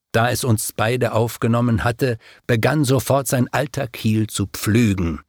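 A man reads an epic poem aloud in an expressive, declamatory way. His voice is gravelly and slow-paced, with a lively melody, and the recording is dry and close. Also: mid-range voice, no room sound. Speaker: narrator. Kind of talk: dramatic reading of an epic poem.

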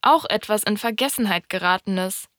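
A woman voicing a wise, wistful fox in an audiobook reading, speaking in a calm, thoughtful, explaining way. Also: medium pitch, normal speed, no room sound, studio quality, natural voice. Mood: patient.

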